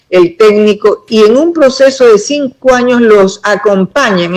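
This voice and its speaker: A woman's voice: medium pitch, darkish tone, poor audio. A woman, a political pre-candidate answering interview questions in long, emphatic explanations.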